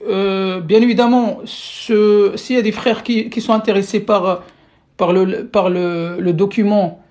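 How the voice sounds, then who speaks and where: Creaky and warm, this mid-range voice belongs to a language teacher giving a live-streamed lesson. The teacher goes patiently step by step, checks in with viewers, and frequently starts over and repeats words. Being away from the mic makes the audio roomy.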